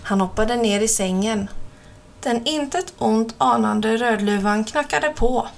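Woman, fairly high voice, children's storybook reading, clear and even. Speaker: narrator.

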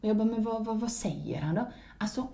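A woman in casual spoken storytelling who laughs often and swings into lively exclamations. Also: fairly high pitch. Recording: roomy echo.

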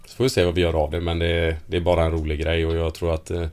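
A football player in his thirties, with a deep, smooth voice, appears as a guest in a casual interview, telling lively anecdotes and laughing often.

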